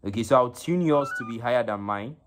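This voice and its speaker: Halting male esports stream commentator. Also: mid-range voice, music in the background. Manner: halting, with many fillers and repeated words. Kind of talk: live stream game commentary. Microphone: phone.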